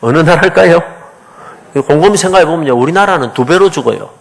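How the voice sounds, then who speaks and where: A man's voice: on the high side, animated, fast, gravelly. A man preaching a sermon as a pastor, questioning the congregation.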